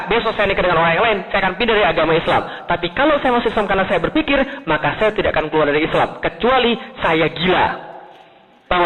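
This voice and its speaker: A man from Indonesia preaching a lively sermon, telling stories with quoted voices and asking the audience questions. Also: high-pitched. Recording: tinny phone-like sound with long hall reverb.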